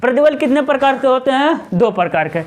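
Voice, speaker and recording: A man's voice: extremely high pitch, animated, fairly quick. A male teacher giving a classroom lecture, firing questions at his students and answering them himself, and tagging on short check-in questions. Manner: keeps adding a tag question.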